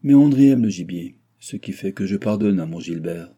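A man's voice: deep voice, expressive, normal speed, dark tone, breathy edge, dull audio, heavily acted. A man voicing a choleric, sarcastic old nobleman who has lost his fortune, talking in a blustering, mocking way.

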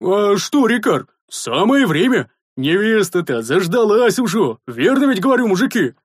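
A man reading an audiobook voices a stocky, boisterous young soldier who is loud and jokey. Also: high voice, very animated, moderate pace, breathy edge, no room sound, clean studio sound, voice pushed up, exaggerated voice. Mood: teasing.

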